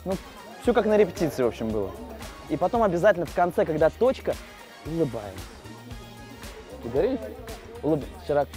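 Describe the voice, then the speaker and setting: A young man with a fairly high voice and lively, swinging intonation presents outdoors. He chats casually and spontaneously as a travel host, with music underneath. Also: a little fast, pauses often. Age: 20s. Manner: animated, chatty. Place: outdoors on location.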